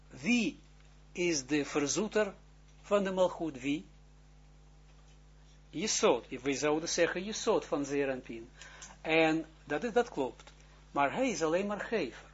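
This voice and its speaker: A man teaching a lesson as a rabbi, often halting and restarting, checking whether listeners follow, and firing off rhetorical questions. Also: a little high, highs cut off. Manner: halting, searching for words, frequent restarts; keeps asking the listeners whether it is clear. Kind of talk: lecture.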